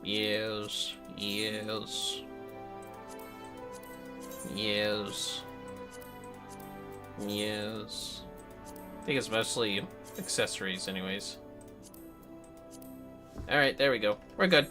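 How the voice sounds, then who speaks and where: Speaking extremely slowly in a steady, mid-range voice with long pauses, an androgynous-sounding streamer gives casual, playful commentary on their game over music. They mutter to themselves and swear freely along the way.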